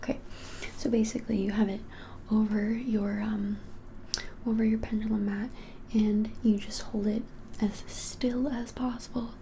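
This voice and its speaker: In a small indoor room with plain walls, a woman in her twenties whispers an ASMR roleplay as a witch shopkeeper. Her mid-range voice is mellow and slightly creaky, even and unhurried with small hesitations, and a noticeable hiss runs in the background.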